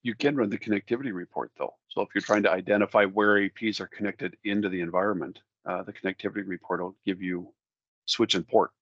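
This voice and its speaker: A man with a Minnesota accent giving a casual software demo, talking through each step in a friendly way. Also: sits low, fairly even intonation, quick pace, no room sound, lo-fi sound. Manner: friendly, walks through steps out loud. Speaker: product demo presenter.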